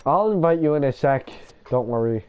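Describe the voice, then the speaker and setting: A man's voice: medium pitch, expressive, normal speed, smooth, phone-quality sound. A man casually commenting over a video game, rambling and self-deprecating as he talks to viewers. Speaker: gamer showing his builds.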